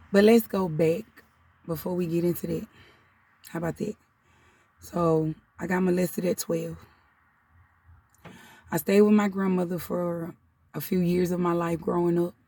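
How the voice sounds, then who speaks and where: A woman in her thirties speaks in a low, husky, mellow voice with very little rise and fall, fighting back tears as she talks to her viewers. Her tone is casual and heartfelt, and she keeps calling them "y'all". She sits a little back from the mic, so the sound is slightly distant. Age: 30s. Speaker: spiritual channel host. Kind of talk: personal confessional vlog.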